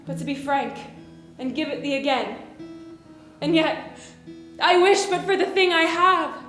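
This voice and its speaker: A woman's voice: sits high, expressive, measured pace, fairly bright tone, roomy sound, faint music behind, heavily acted. A woman playing a lovestruck, playful, eager young maiden in theatrical Shakespearean verse. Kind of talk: theatrical Shakespearean stage acting.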